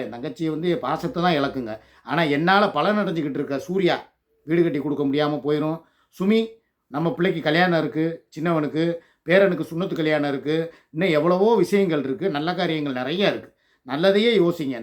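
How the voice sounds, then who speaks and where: An older man hosting his own channel, scolding and pleading loudly in an emotional vlog rant. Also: a little high. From Tamil Nadu, India. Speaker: channel host.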